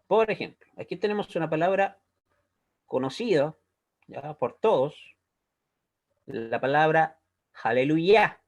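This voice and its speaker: A man teaching a recorded language lesson, explaining step by step and checking in with a frequent "¿ya?". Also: fairly high pitch. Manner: patient, checks understanding with a frequent "¿ya?". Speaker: Hebrew teacher.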